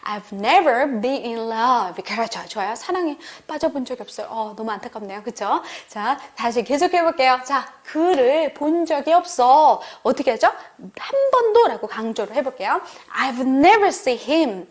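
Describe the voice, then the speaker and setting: A Korean-speaking woman teaching an online English lesson, explaining in animated bursts and modeling English sentences slowly and emphatically for learners to repeat. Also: sits high. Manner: lively, animated explanations with rhetorical questions.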